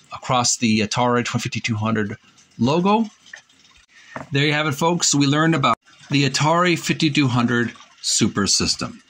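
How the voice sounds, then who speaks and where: The host of a retro gaming channel, a man with a medium-pitched voice, reads aloud from a book in deliberate, halting phrases and throws in casual, folksy commentary. There's a little hiss or hum.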